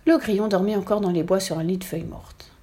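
A woman reading a children's storybook aloud in a lively, expressive way. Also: medium pitch, fast talker, slightly rough.

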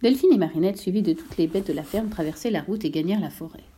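A woman narrating a children's storybook in a steady, clear reading voice. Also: fairly low pitch, quick pace.

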